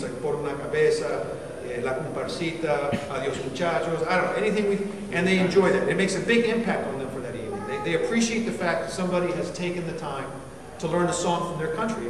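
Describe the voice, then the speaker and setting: A man in his forties from Chile, with a slightly high voice, talks to cadets in a chatty way, firing questions at them. He plays in an army band. The recording is distant, in an echoey hall with background noise.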